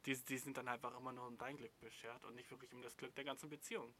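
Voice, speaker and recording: Ein junger Mann mit deutschem Akzent, der locker und in Jugendslang Zuschauerfragen beantwortet, direkt und spöttisch. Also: male voice, medium pitch, level tone, fast, fairly bright tone, slight background noise. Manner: blunt, slangy, mocking. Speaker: advice streamer reading viewer messages. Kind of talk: casual slangy chat.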